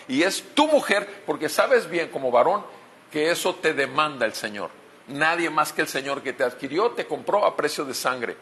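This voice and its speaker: A man's voice: medium pitch, a bit bright, slightly rough. A man with a Mexican Spanish accent preaching a sermon as pastor, asking rhetorical questions and repeating key phrases.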